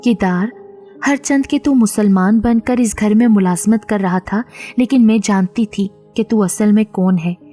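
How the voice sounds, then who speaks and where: A woman's voice: mid-range voice, measured pace, warm tone, faint music behind, close to an everyday voice. A woman voicing a playful young woman who is secretly a possessing spirit, speaking with feigned innocence. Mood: tender, hushed. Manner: teasing, innocent-sounding.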